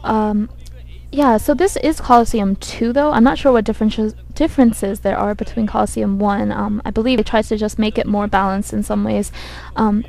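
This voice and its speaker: A woman with a croaky voice from a cold gives hesitant esports commentary, thinking aloud as she goes. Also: a little high, a little mellow. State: has a cold. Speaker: game commentator. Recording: buzzy microphone.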